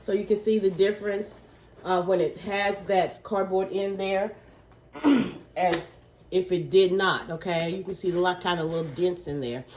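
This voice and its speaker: A woman's voice: lowish voice, fairly even intonation, a little slow, a little mellow, a little hiss or hum. Woman, casual show-and-tell, slightly worn throaty voice, filler words, roomy echo. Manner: chatty, many fillers, says "okay?" to viewers. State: losing her voice, clearing throat. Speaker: vlogger, small gift business owner.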